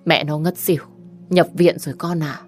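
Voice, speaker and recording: A woman voicing a fretful country mother, loud and scolding. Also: sits low, steady tone, normal speed, soft background music, close to an everyday voice. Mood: worried. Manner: anxious, scolding, complaining. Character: worried middle-aged village mother.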